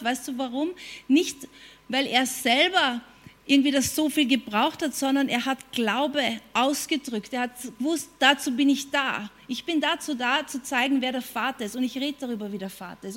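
A woman's voice: high-pitched, a bit bright. A woman preaching a sermon, emphatic, repeating her points and putting questions to her listeners. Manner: emphatic, repeats phrases and asks the audience questions.

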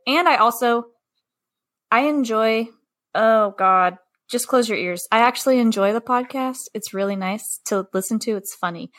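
A woman's voice: mid-range voice, fairly bright tone. A woman co-hosting and editing a podcast, telling rambling stories in casual chat. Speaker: podcast co-host and editor.

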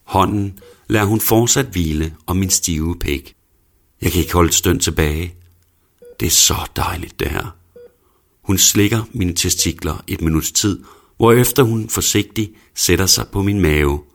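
A man with a very low, deep voice reads a first-person story aloud. His telling is plain and low-key, without fuss. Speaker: narrator.

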